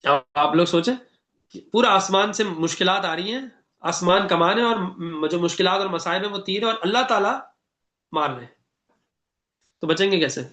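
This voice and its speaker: High, bright-voiced Pakistani religious teacher. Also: male voice. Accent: Pakistani Urdu. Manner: conversational, asks the class questions; recites Arabic prayers slowly. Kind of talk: online Quran class lecture.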